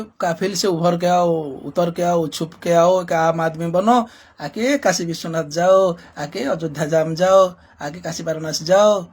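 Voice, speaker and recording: A man speaks as a social reformer, driving his points home with repetition and rhetorical questions. His voice is husky and sits a little high for a man. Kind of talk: impassioned spoken commentary.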